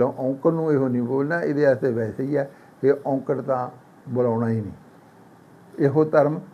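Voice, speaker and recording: A man gives a scripture grammar lesson in a mid-pitched voice, on a slightly dull, lo-fi recording. He slows right down to recite each quoted line. Then he picks the grammar apart, asking himself questions and answering them with extra stress. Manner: slows down to recite quoted lines, then explains with rising emphasis; asks and answers his own questions. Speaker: Gurbani grammar teacher.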